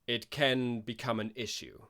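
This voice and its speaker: A man's voice: mid-range voice, fairly even intonation, unhurried, sharp tone. A man playing a weary government agent woman. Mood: explaining. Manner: patient but exasperated, trips over his words. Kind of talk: tabletop role-play dialogue.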